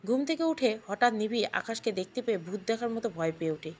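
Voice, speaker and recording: A woman narrating a family audio story in a steady storytelling voice. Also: fairly high pitch, fast, a little hiss or hum.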